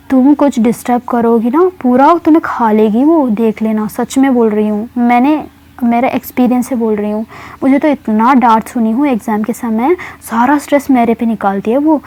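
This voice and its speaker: Fretful, fast-rambling teen schoolgirl in a storybook , put on by a woman narrator; high and jittery. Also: warm tone, natural voice, poor audio. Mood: insistent. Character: nervous, chatty teenage schoolgirl before an exam.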